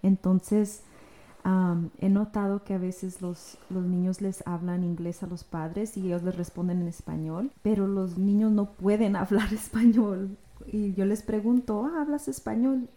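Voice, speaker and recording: Mellow-voiced earnest woman co-host. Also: mid-range voice, flat delivery, unhurried. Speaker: podcast co-host. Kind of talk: casual conversation.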